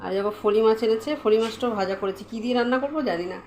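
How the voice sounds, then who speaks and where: A woman's voice: fairly high pitch, rapid-fire, darkish tone, a little hiss or hum. A woman vlogger chatting casually as she shows the dishes she has cooked, constantly telling viewers to look. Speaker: lifestyle vlogger. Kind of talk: casual cooking vlog chat.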